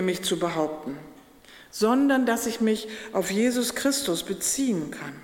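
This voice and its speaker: Woman pastor preaching, kinda high voice, slow emphatic pauses, big echoey church. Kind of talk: sermon.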